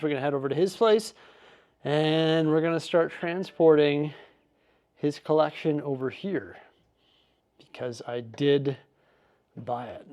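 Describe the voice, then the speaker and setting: Slightly high and a little mellow, a male vlogger's voice comes through breathlessly as he organizes his garage and studio, keeping the chatter casual, upbeat and full of tangents.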